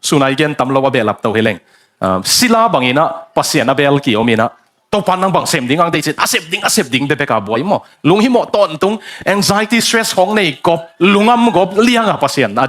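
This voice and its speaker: A man's voice: a little high, fairly bright tone. A man preaching a sermon, building emphasis and dropping in English phrases.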